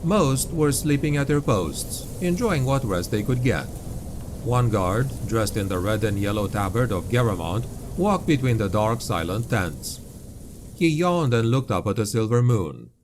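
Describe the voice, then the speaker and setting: A man reading grimdark fantasy as an audiobook narrator, with grave, dark, dramatic storytelling. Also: mid-range voice, big pitch swings, a little slow, noisy background. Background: music.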